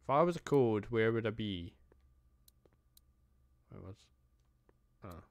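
A man's voice: on the low side, animated, slow pace, dry recording, clean studio sound. A middle-aged man streaming a game with casual, grumbling commentary, muttering to himself. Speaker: live-streaming gamer.

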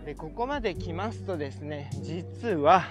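Speaking at a normal speed in a high, animated voice, a middle-aged vlogger gives casual narration of a walking tour outdoors on city streets and in a park. He is a chatty, polite, enthusiastic guide pointing things out into a handheld wide-angle camera, with background music clearly audible beneath him.

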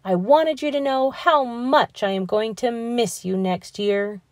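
A woman voicing an affectionate, excitable female schoolteacher in a children's storybook, effusive and exclaiming. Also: fairly high pitch, unhurried, dry recording, studio quality, lightly acted. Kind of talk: children's storybook character reading.

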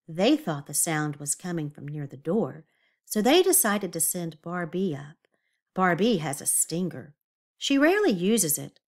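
A children's teacher reads aloud with a highly animated pitch, drawing out emphatic words in an expressive picture-book reading. Confiding asides and questions for the young audience run through it.

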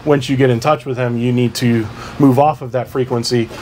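A presenter walks through a boat radio guide step by step in a plain-spoken, informal instructional style, using a mid-range, slightly mellow voice that's fairly even and fairly quick. The audio quality is poor, with clear ambient noise in the background.

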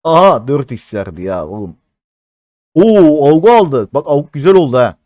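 Man in his 30s, game streamer, excitable, swears a lot, fairly high voice, dry close sound. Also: moderate pace, dry recording. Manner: excitable, chatty with viewers, swears often. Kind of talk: live-stream game commentary.

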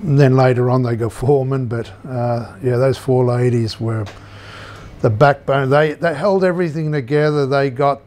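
A man in his sixties with a middle-pitched voice looks back on his working days. He talks in a relaxed, meandering way with plenty of fillers, recorded over a video call from an indoor room. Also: moderate pace. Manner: relaxed, reminiscing, many fillers. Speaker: interviewee. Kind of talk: oral history recollection.

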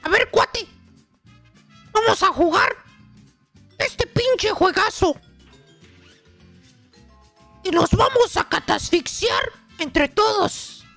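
A squeaky, gravelly goof of a buddy, as a young streamer puts him on. He drags every word out slowly and talks in a rowdy, swaggering way, as if he owns the room. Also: animated, bright, forceful tone, soft background music, full character voice.

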